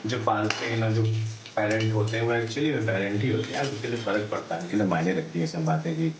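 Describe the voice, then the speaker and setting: A man's voice: on the low side, fast, echoey room, noisy background. A man casually chatting as he cooks, mixing in English phrases and humming or singing bits of song. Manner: chatty, mixes Hindi with English phrases, sings snatches while cooking. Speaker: vlogger cooking at home. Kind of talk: casual cooking vlog chat. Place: home kitchen.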